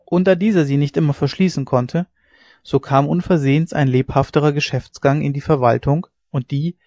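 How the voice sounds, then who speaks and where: Man, audiobook narrator, measured storytelling, dull dry recording. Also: fairly high pitch, fairly even intonation, warm tone, no room sound. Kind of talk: scripted narration of a classic novella.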